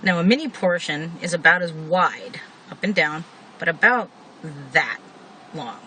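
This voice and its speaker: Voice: mid-range voice, lively intonation, a little slow, pushed and bright, poor audio. A person giving a casual, rambling product review in a chatty way, talking with a tobacco pouch tucked in the upper lip. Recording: noticeable background noise.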